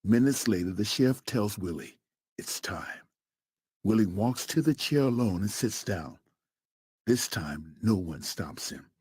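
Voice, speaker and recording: A man narrating a true story in a scripted, dramatic storytelling style, slowing down for emphatic pauses. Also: on the low side, animated, mellow, husky, no room sound.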